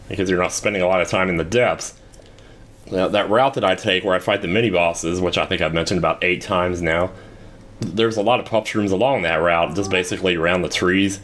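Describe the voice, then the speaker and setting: A man's voice: low-pitched, fairly bright tone, a little hiss or hum. A man giving casual, rambling commentary while playing a video game, with wry asides. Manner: rambling, wry, self-deprecating. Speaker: let's play host.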